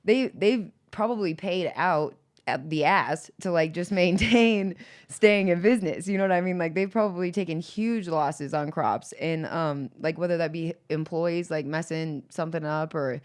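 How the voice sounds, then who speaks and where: A woman's voice: on the low side, moderate pace. A woman hosting a casual podcast, rambling through her thoughts with constant "like" fillers and frequent laughter. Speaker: podcast host.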